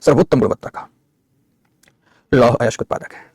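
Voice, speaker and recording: A middle-aged man teaches geography over a map, talking fast with a husky, slightly raised voice. He calls his students "beta", answers their questions and dictates headings for their notes. The sound is close and dry. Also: medium pitch, a little mellow, no echo. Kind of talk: online map lecture.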